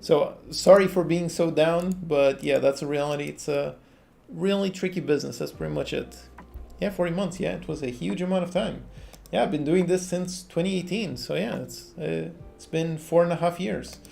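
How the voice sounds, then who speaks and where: Speaking at a moderate pace with vocal fry, a slightly high-voiced Portuguese man in his thirties chats on a livestream while working on a game. In a relaxed way he reads chat questions aloud and answers frankly, with his Portuguese accent, from an indoor home office; there's quiet lofi music underneath and slight background noise.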